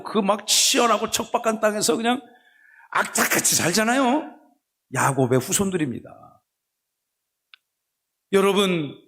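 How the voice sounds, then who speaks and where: A middle-aged man preaches from the pulpit of a church sanctuary. His voice sits high for a man, and he delivers a sermon full of animated storytelling. He slips into other characters' voices in a folksy way as he tells the story. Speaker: pastor.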